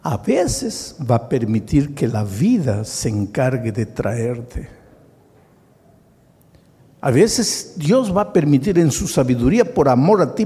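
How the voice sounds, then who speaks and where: A man preaching a sermon as a pastor, telling stories and swinging between loud, high exclamations and hushed, slow passages. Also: slightly rough, long reverb tail.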